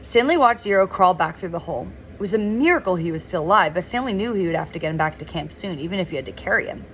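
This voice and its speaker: A woman reading a novel aloud in a relaxed, informal way, now and then stumbling over words and correcting herself. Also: on the low side, fast, slight background noise. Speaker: reader of a novel. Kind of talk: informal read-aloud narration.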